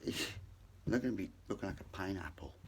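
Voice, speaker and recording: A man's voice: deep voice, expressive, fairly quick, slight background noise. A British man rambling casually to viewers from his bedroom, meandering between asides, with some trouble pronouncing his R sounds. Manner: meandering, digressive, talks to viewers. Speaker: vlogger. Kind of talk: casual, rambling vlog chat. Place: bedroom at home.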